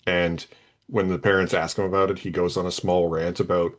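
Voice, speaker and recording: A man's voice: sits low, flat delivery, fairly quick. A man on a podcast panel, talking easily and in an understated way about a movie. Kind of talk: casual movie review chat.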